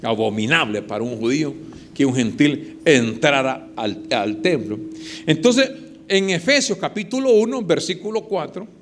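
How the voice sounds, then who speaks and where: A man's voice: a little high, very animated, normal speed, slight background noise. A man preaching a sermon, explaining with rhetorical questions and short retold dialogues.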